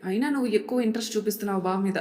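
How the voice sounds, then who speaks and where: A woman's voice: medium pitch, very fast, darkish tone, close to an everyday voice. A woman voicing a smug, cutting young woman. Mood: mocking. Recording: long reverb.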